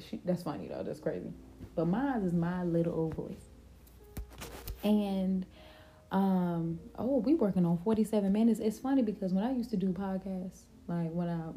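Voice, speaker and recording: Animated mellow-voiced woman vlogger. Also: lowish voice. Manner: animated, talks to viewers as "y'all". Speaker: vlogger and podcast host. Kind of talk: casual faith-centered chat.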